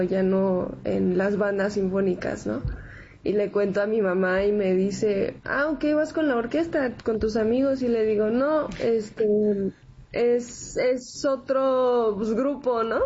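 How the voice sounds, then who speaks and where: A woman in her twenties from San Antonio, Texas, speaks with a Mexican accent in a fairly high, mellow voice. She's an accordion musician appearing as an interview guest, explaining herself in casual conversation. The audio is dull, with ambient noise in the background.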